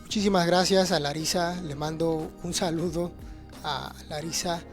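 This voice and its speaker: A man's voice: on the high side, fairly even intonation, a little slow, music in the background. A man, a teacher answering audience questions in a livestreamed talk, earnest and explanatory, often checking in with the listener. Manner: earnest, explanatory, frequent "¿no?" tags and restarts. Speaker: teacher speaking on conflict resolution.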